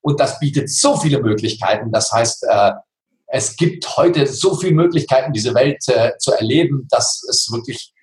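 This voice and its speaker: A middle-aged man telling his life story as an interview guest, animated and emphatic, full of rhetorical questions. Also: mid-range voice, normal speed. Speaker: interview guest, coach and actor. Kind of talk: conversational storytelling. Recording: roomy echo.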